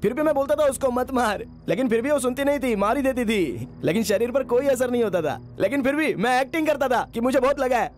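A man's voice: extremely high pitch, lively intonation, fast, hardly any pauses. A man voicing a young, drunk, grieving beggar in a Hindi film dub, pleading and then tearful as he rambles. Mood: wistful.

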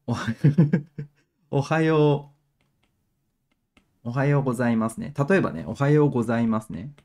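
Sitting at a webcam in a small room, a young Japanese man runs a live-streamed lesson in hesitant, accented English, often restarting and dropping quick asides in Japanese. He has a mid-range, slightly mellow voice.

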